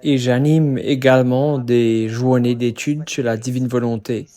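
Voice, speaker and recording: A man's voice: mid-range voice, fairly even intonation, unhurried, warm tone. A man introducing himself as a panel guest in a plain, matter-of-fact way. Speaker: guest, study-day organizer.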